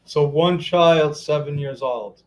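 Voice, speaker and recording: A man's voice: fairly high pitch, takes it slowly, a little mellow, rough recording. A man hosting a casual live interview, chatty, repeating himself and talking to viewers as folks. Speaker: interview host.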